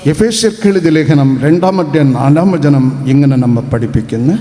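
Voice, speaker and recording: A man interpreting a sermon live, speaking in an unhurried, earnest way. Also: a little high, expressive, mellow, faint music behind. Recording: roomy hall with long reverb.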